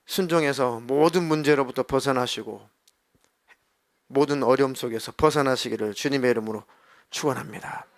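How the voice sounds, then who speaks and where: A man's voice: medium pitch, moderate pace, no echo, clean studio sound. A male senior pastor preaching a sermon, emphatic and dramatic, acting out dialogue as he goes. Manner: emphatic, acts out quoted dialogue.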